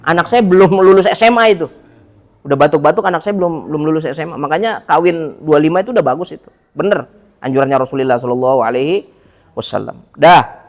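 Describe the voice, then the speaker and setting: A middle-aged ustadz preaches in a mosque, voice pitched high for a man. He keeps it chatty and joking and turns to the mothers in the room as he teaches. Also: fast talker. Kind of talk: mosque study-circle sermon.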